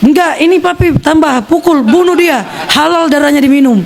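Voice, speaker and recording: A furious mother demands violence in shrill, vicious commands, as a high-voiced man recounts her. The voice climbs above his already high speaking pitch. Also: normal speed, creaky. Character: furious mother urging a beating.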